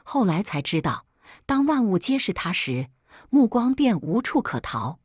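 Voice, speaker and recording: A woman giving scripted first-person narration of a drama story in a measured, even storytelling delivery. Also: medium pitch, slightly rough, dry recording, clean studio sound.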